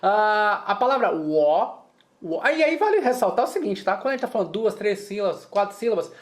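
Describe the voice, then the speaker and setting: A woman's voice: mid-range voice, expressive, fairly quick. Chatty Brazilian woman teaching Chinese. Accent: Brazilian Portuguese. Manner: explanatory, chatty, keeps checking in with listeners. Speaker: Mandarin teacher. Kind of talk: co-taught language lesson.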